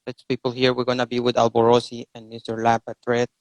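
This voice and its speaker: Poor audio, with no echo, carries a fast-talking live stream host from Costa Rica speaking English in a completely flat, medium-pitched voice. A native Spanish speaker, he rambles through the casual chat, repeating words while hunting for the next.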